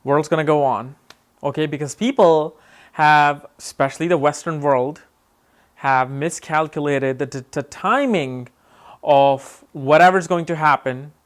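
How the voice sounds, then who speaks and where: Rambling tipsy man, slightly high voice. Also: measured pace. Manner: rambling, says he is a bit drunk. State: losing his voice. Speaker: astrology vlogger. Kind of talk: casual talk to camera.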